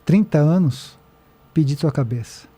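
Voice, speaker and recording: Brazilian male podcast guest, animated storyteller, slightly high, mellow voice. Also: a little slow, husky. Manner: animated storytelling, quoting people in passing. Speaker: podcast guest, documentary director. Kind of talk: casual podcast conversation. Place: podcast studio.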